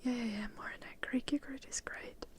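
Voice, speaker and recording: A woman's voice: fairly high pitch, brisk. A young woman from Finland whispering as she answers viewer chat in a casual ASMR livestream, close to the mic. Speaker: ASMR streamer.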